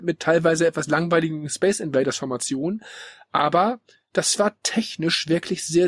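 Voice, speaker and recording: A man with a slightly high voice hosts a casual retro-gaming podcast, presenting a ranking in an opinionated, emphatic, colloquial manner. The recording is dry, with no room sound.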